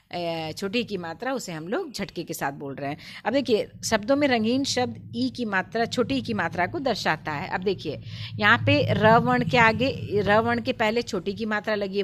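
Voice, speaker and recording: A woman teaching a Hindi lesson to young children in a video. She speaks patiently, repeats words slowly and stresses each sound. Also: mid-range voice, a bit bright.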